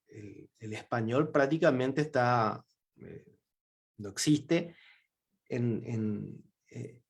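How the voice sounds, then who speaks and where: A man from Paraguay with a Paraguayan Spanish accent, giving a symposium talk in a hesitant way, with many fillers and restarts. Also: medium pitch. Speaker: symposium speaker. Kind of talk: lecture talk.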